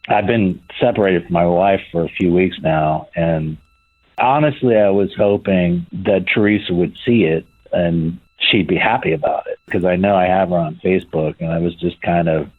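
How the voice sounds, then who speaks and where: A man heard over a phone line on speakerphone, calling in to a radio show and stumbling over his words. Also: low-pitched. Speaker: caller.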